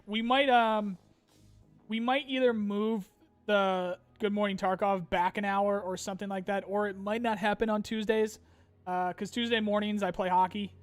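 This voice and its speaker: On a relaxed stream, a high-voiced man reads out questions from viewers and responds casually, full of filler words. Fatigue is creeping in, and his voice sounds increasingly strained.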